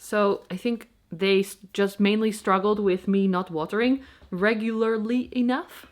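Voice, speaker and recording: A young adult woman, a plant vlogger, chats casually to camera from inside her home. Her mid-range voice is steady and unhurried but stuffy and congested from a cold, and she's self-deprecating, explaining things as she goes.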